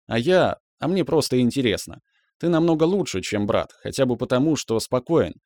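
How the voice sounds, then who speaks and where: A man's voice: mid-range voice, animated, moderate pace, a little mellow, dry recording, clean studio sound, close to an everyday voice. A man voicing a cheeky, conspiratorial teenage girl in an audiobook, teasing her brother.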